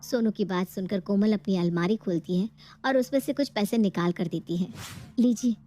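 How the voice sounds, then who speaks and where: A woman narrating a cartoon moral story in an even storytelling manner. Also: medium pitch, moderate pace.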